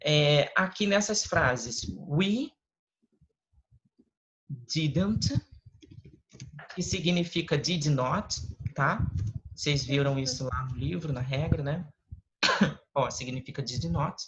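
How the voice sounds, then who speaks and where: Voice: medium pitch, slow, long pauses. A Brazilian English teacher with a Brazilian Portuguese accent, patiently explaining step by step in an online lesson over a video call. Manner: patient, explains step by step, often adds tag questions. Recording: lo-fi call audio with faint noise.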